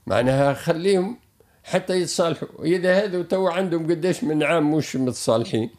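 A man's voice: on the high side, a little mellow. A man with a Tunisian accent, a religious scholar explaining a ruling on a radio talk show. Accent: Tunisian Arabic. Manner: measured, explaining with repeated phrases.

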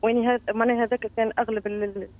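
Rapid-talking Tunisian woman on a phone line. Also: on the high side, little pitch movement. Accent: Tunisian Arabic. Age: 40s. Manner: rapid, hesitant, many restarts. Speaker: caller. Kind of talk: phone-in call.

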